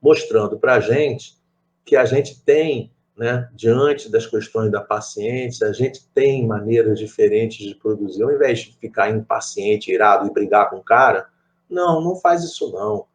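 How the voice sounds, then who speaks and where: A middle-aged man from Brazil, with a Rio de Janeiro Portuguese accent, leads a conversational spiritist study group and tells stories filled with asides and repeated phrases. His fairly low voice moves at a measured pace on a lo-fi recording.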